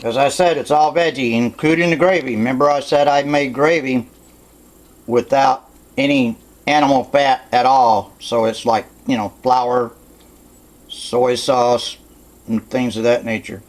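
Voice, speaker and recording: A man's voice: medium pitch, steady tone, a little slow, rough recording. A man doing a casual home cooking demonstration in his kitchen, plainspoken and correcting himself as he goes.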